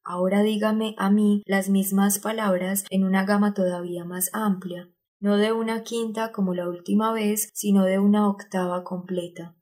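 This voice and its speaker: A woman's voice: medium pitch, fairly even intonation, moderate pace, few pauses, dark tone, natural voice. A woman reading the part of an exacting older male acting teacher in an audiobook, explaining step by step in a didactic manner. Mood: instructive.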